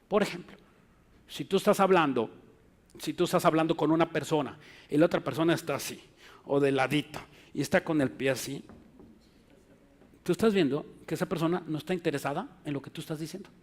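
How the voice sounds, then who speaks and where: Mexican male pastor, higher-pitched voice, animated sermon with many restarts. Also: brisk, pauses often. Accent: Mexican Spanish. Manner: animated preaching, acts out quoted voices; frequent restarts and filler words.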